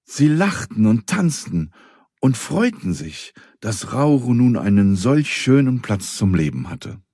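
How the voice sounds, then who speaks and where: A man reading a children's story in a calm voice and addressing the listener directly. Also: medium pitch, unhurried, husky, no room sound, clean studio sound. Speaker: narrator.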